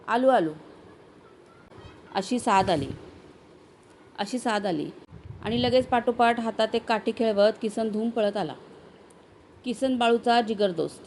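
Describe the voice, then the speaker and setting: A woman reading a short story aloud, steady and expressive as a storyteller. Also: a little high, a little hiss or hum.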